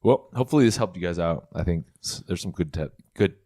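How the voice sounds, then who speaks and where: A man's voice: low voice, expressive, quick pace, mellow. A man hosting a podcast, chatting in an easygoing way and often repeating words as he goes. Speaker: podcast host. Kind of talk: casual podcast chat.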